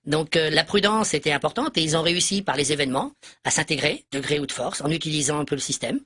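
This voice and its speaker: A man's voice: on the high side, quick pace, pushed and bright. A man answering interview questions as a guest novelist, his voice altered for anonymity, often searching for words and restarting.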